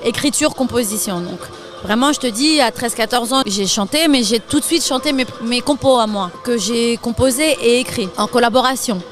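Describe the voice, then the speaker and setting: High-voiced French woman chatting in an interview. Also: normal speed, faint music behind. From France. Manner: lively, laughs often, chatty with fillers. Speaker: interview guest, singer and DJ. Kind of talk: casual interview chat.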